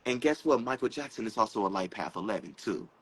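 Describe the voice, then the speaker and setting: A man giving an animated, preachy spiritual talk, breaking into quotes and rap lines. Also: on the low side, fast, husky, rough recording. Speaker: spiritual speaker. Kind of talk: casual live talk.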